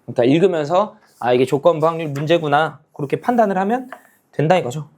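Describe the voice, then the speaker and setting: A man's voice: fairly high pitch, expressive, fast talker, darkish tone, a little hiss or hum. A male math teacher giving a casual classroom lecture, checking in with students again and again with a rising "okay?" and "got it?". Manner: casual, talks down to students' level.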